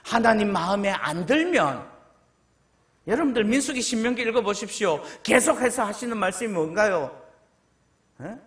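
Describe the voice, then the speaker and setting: A male pastor preaching to his congregation, tossing them questions and acting out quotes as he goes. His voice sits high and swings widely in pitch. He sounds animated and engaging. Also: normal speed, pauses often. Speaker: senior pastor. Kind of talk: sermon. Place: church sanctuary.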